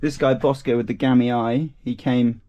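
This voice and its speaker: A man's voice: medium pitch, steady tone, normal speed, warm tone, no echo, dull audio. Easygoing man narrating his farm vlog. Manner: chatty, upbeat, easygoing. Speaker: family vlog host. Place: outdoors on a rural farm.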